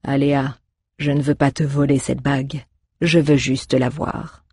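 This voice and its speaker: A storybook reader voicing an old male druid who speaks calmly and slowly, pressing gently. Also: medium pitch, husky, no echo, clean studio sound. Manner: calm, slow, measured.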